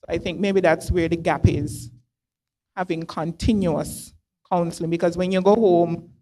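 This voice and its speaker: A woman's voice: lowish voice, fairly even intonation, moderate pace, warm tone. A woman explaining things on a discussion panel, speaking into a handheld microphone. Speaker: health forum panellist. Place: forum hall, on stage.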